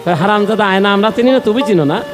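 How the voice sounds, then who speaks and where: A man with a Bangladeshi Bengali accent preaching a devotional sermon at a temple gathering, telling a story in an animated way and asking the audience questions. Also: sits high, quick pace, in a large hall, over loud music. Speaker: kirtan singer and preacher.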